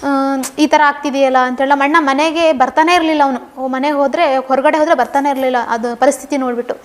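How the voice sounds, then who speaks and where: A young woman recounts her life story in an interview. Her voice sits high and her words come quickly. She talks earnestly and circles back over phrases for emphasis. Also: steady tone. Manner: fast, earnest storytelling with repetitions. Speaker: guest giving a testimony. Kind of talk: personal testimony interview.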